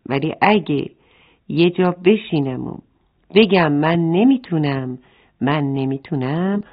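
A woman's voice: lowish voice, lightly acted. A woman voicing a tiny, hardworking ant who is proud and determined, in a children's story. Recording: phone-like narrow band.

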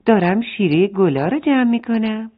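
A woman's voice: medium pitch, lively intonation, pitched above the performer's own voice, natural voice. A woman voicing a busy little bee in a children's story who is always hurrying to work. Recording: phone-like narrow band.

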